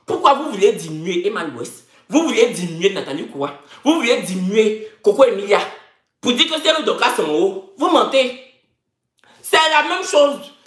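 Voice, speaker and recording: A woman, hosting a live stream and ranting to her viewers in a mocking, theatrical way. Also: medium pitch. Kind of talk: animated live-stream rant. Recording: echoey room.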